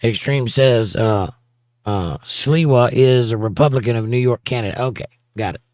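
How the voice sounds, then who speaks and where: A man with a Southern accent hosts a livestream, reading viewers' comments aloud in a casual, teasing manner and chuckling often. His medium-pitched voice is a little mellow, moving at a moderate pace, with clean studio-quality sound and no room echo.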